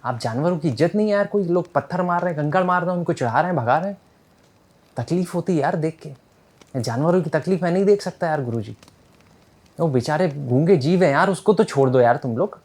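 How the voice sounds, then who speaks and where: A man's voice: fairly high pitch, expressive, fast, a little mellow, pitched above the performer's own voice. A man voicing a hot-headed male prisoner who rants indignantly about his love for animals, in a slangy way.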